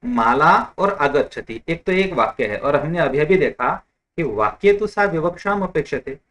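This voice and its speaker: A man teaching a Sanskrit grammar lesson in a patient, explanatory way, repeating examples slowly and stopping to correct small slips. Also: on the high side, expressive, fairly bright tone. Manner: explanatory, slips and corrects himself, mixes English terms. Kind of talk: online lecture.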